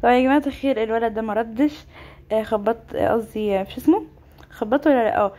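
A young woman, giving an excitable game voice-over commentary and exclaiming often. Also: fairly high pitch, rapid-fire. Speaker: gaming YouTuber. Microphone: home microphone voice-over.

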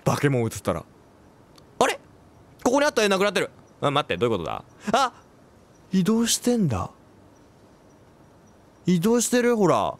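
Man with a wildly swinging pitch. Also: huge pitch swings, moderate pace, long pauses, a little hiss or hum. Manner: reactive, talks to himself, quips and exclaims. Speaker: game commentator. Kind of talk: let's play commentary.

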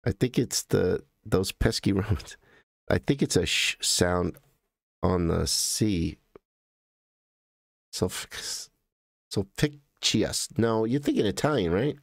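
On a livestream, an American host with a low, expressive voice and vocal fry speaks unhurriedly over a dry, studio-quality recording. As he clicks through images, his casual commentary wanders, and he keeps correcting himself while thinking out loud.

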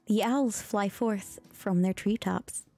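A woman reads a bedtime storybook aloud in a soft, ASMR-style voice, unhurried and mellow in tone. She slips into whispers now and then and makes mock-exasperated asides, with faint music playing behind her. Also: medium pitch. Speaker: streamer reading aloud.

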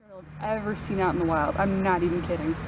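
A woman's voice: on the low side, fast talker, far from the mic. A woman chatting playfully and teasing her companion during a walk in a park. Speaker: vlog companion. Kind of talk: casual chat. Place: outdoors in a park arboretum. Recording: outdoor camera audio with loud background noise.

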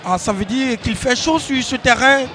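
A man giving excited live football play-by-play commentary, exclamatory and repeating phrases for emphasis. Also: extremely high pitch, normal speed, soft background music.

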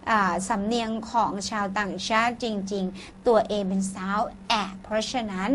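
A woman teacher giving a classroom lesson, leading the students through vocabulary drills with slow, clear model words. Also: medium pitch, steady tone, a little hiss or hum.

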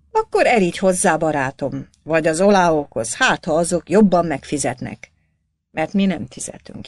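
A woman voicing a scornful middle-aged male village clerk who mocks and shouts at a poor man. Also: a little high, dry recording, clean studio sound, pitched above the performer's own voice, exaggerated voice. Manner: mocking, shouting.

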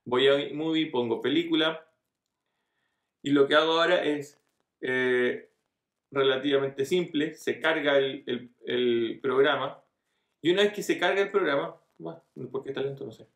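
Gravelly man walking through a screen tutorial. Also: mid-range voice, normal speed, a bit bright. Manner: casual step-by-step explaining with frequent checks like "¿cierto?". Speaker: online marketing tutor. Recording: echoey room.

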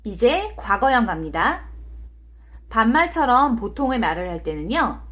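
A woman teaching a beginner language lesson, reading example sentences slowly and carefully and cheering the learner on. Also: a little high. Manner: slow, careful example sentences with lively encouraging tone.

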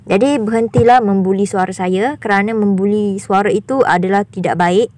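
A young woman with a raspy, husky voice, talking indignantly to her viewers in a vlog and repeating her points firmly. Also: mid-range voice, moderate pace, darkish tone. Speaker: YouTuber.

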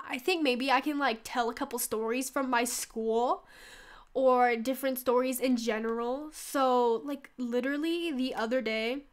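With a high, fairly bright voice and a stuffy cold, a teen girl YouTuber chats casually over her gameplay. The talk rambles, packed with "like", and she yelps and laughs as she plays.

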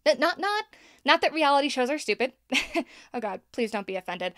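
For an audio drama, an actress plays a nervous young woman hosting a podcast who rambles and laughs while talking. Her voice sits high and a bit bright, very animated at a moderate pace, with clean studio sound and no echo.

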